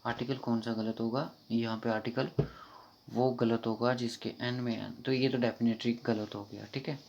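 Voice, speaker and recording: A man with a Kashmiri accent runs an online grammar class in a mid-pitched voice, explaining fast and informally. He slows right down whenever he reads an English sentence aloud. The recording is dull and lo-fi. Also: flat delivery, gravelly, darkish tone, slight background noise. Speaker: exam prep teacher.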